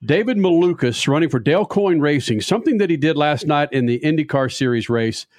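Brash male radio host, animated and a bit high, dry studio. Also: fairly quick, no echo. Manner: brash, animated, swearing casually. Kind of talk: motorsports radio talk.

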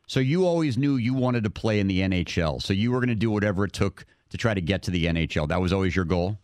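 A man's voice: deep voice, lively intonation, fast, a little mellow, no echo, clean studio sound. A male radio show host interviewing a caller, often stumbling and repeating words as he starts his questions.

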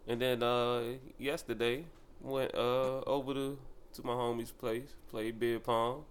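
A man's voice: medium pitch, level tone, unhurried, clean tone. A man who produces a podcast, chatting casually with easygoing, rambling talk and frequent laughs. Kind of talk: casual group chat.

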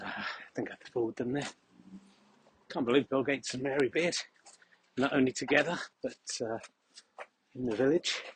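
A man's voice: medium pitch, fairly bright tone, a little hiss or hum. A man hosting a podcast as a casual, rambling monologue while walking outdoors on a country path. He is out of breath and adds dry, jokey asides. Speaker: podcast host.

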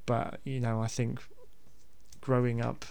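With a measured pace, a male podcast host speaks casually and unplanned, his fry-laden voice holding a fairly level pitch. His talk is rambling and hesitant, with frequent repeated words.

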